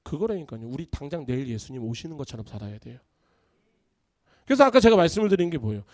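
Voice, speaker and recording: Man, pastor, sermon, high voice, swooping pitch, dry close sound, conversational. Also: quick pace, dry recording. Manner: animated, conversational preaching with acted-out family quotes. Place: church sanctuary.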